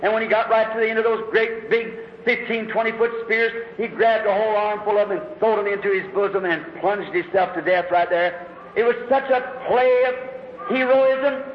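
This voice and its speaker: A man preaching a sermon, telling stories dramatically and rising to shouts. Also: high voice, normal speed, slight background noise. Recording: echoey hall, dull lo-fi recording.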